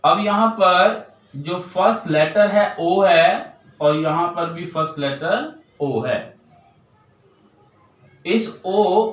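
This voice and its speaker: A male teacher with an Indian accent gives a grammar lesson in a fairly high voice, taking it slow. He stretches out example words and asks questions that he answers himself. He sits back from the mic in a roomy, echoing space. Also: a bit bright, recorded from a distance. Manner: explains step by step, poses questions then answers them; drawls example words slowly.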